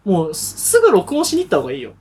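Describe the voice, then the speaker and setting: A young man co-hosting a casual chat, telling stories excitedly and imitating sounds as he goes. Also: high-pitched, fast, a little hiss or hum. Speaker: podcast co-host.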